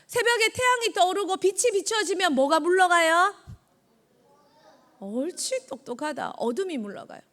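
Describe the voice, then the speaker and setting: A woman preaches a children's sermon in a high, bright voice. Her pitch swoops up and down. She keeps quizzing the children and repeating their answers back to them. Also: expressive, moderate pace. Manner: acts out God's words in quoted lines. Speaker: junior evangelist.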